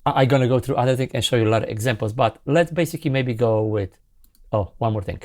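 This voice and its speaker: In a small home music studio, a sound designer in his forties, English not his first language, walks through a synthesizer plugin in a casual tutorial. He speaks at medium pitch, keen yet halting, over loud synth sounds and music.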